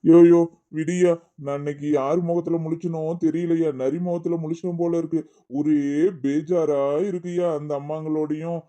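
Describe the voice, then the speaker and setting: A man's voice: fairly high pitch, level tone, normal speed, mellow, close to an everyday voice. A man voicing a fed-up bus conductor. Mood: grumbling. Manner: grumbling, exasperated complaints. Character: exasperated grumbling male bus conductor. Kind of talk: cartoon voice acting.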